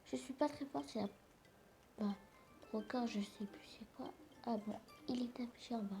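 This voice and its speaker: High-voiced hesitant woman gaming on phone. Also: mellow, soft background music. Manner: hesitant, halting, many self-corrections. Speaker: gaming channel host. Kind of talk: casual mobile gaming commentary. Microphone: phone screen recorder mic.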